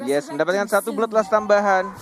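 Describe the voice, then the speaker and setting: An Indonesian man casts an esports match in a very high voice. His delivery is that of a hyped fighting game announcer, full of dramatic exclamations. Loud music plays behind him. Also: brisk. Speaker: esports play-by-play caster. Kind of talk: live esports match commentary.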